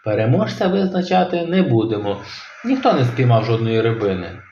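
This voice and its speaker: A man voicing a calm, practical mother dinosaur who speaks matter-of-factly in an audio tale. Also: medium pitch, a little fast, slight background noise. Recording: roomy, slightly dull home recording.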